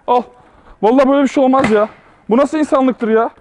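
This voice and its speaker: A man's voice: very high voice, quick pace, darkish tone, slight background noise. A young man hosting a street prank video, talking in a cheeky, teasing, playfully evasive way. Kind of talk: street prank, casual chat.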